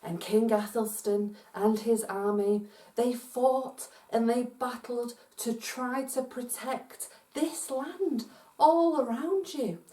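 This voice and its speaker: Animated Scottish woman telling a story in a roomy space. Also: fairly high pitch, slow pace, distant mic. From Scotland. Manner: animated, encouraging, talks straight to listeners at home. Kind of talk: interactive multi-sensory storytelling for children. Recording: roomy echo, voice from off-mic.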